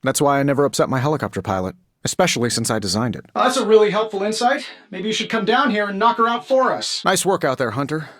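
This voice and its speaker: Video game superhero inventor, fairly high male voice, very dry studio sound, cocky, sardonic, quick-witted. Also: fairly bright tone, no room sound. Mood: playful, confident, then combative, sardonic. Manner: wisecracking, sardonic, glib. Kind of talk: scripted video game voice lines.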